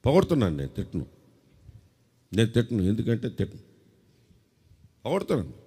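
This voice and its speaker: Lively Telugu-accented man preaching. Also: lowish voice, brisk, slightly rough, long reverb tail. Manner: lively, teasing, quizzes the crowd and breaks into song. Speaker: pastor. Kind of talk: sermon with congregation call-and-response.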